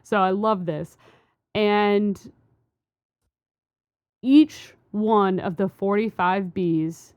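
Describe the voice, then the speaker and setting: A woman's voice: mid-range voice, dry recording, lo-fi sound. A woman co-hosting a podcast, explaining a science study in a rambling, casual way with many fillers and restarts. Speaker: podcast co-host.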